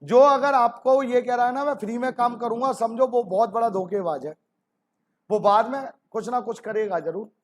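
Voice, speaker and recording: A man's voice: extremely high pitch, normal speed. A man teaching an accounting lesson, fondly calling students "beta ji" and asking rhetorical questions.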